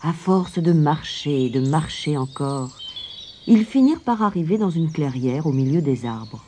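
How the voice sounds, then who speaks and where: Slow, expressive woman reading a fairy tale. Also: low voice, slight background noise. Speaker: storyteller.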